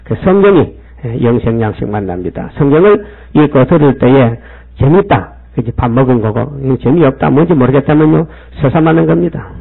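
A man's voice: mid-range voice, expressive, a little fast, creaky, breathy edge. A male pastor, preaching and scolding the congregation with rhetorical questions. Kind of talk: sermon. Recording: tinny phone-like sound.

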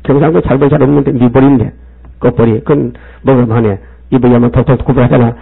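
A man's voice: mid-range voice, steady tone, quick pace, vocal fry, breathy edge. A male pastor, preaching and scolding the congregation with rhetorical questions. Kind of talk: sermon. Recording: tinny phone-like sound.

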